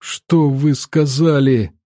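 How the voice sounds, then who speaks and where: A man reading a gentle, anxious young mother. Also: lowish voice, animated, measured pace, no room sound, studio quality.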